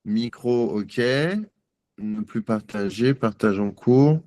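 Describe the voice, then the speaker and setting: A man's voice: lowish voice, takes it slowly, mellow, no room sound. A man on a live video call, hesitant and self-deprecating as he struggles to share his screen. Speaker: guest journalist.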